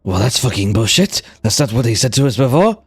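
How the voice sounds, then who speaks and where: A man voicing a wary, blunt, sweary man in a tabletop game, halting and indignant. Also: medium pitch, sing-song, husky, no echo, clean studio sound, soft background music, heavily acted. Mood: defensive.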